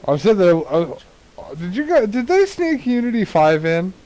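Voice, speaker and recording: A man's voice: sits high, very animated, moderate pace, mellow, low-quality recording. A man streaming a game, chatting casually in a crude, joking, rambling way. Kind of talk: casual chat while gaming.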